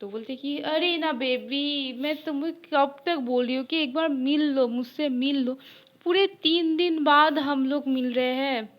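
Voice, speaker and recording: A woman's voice: sits high, moderate pace. A woman casually retelling a romance story, acting out each character's lines loosely in her own voice, with many fillers and restarts.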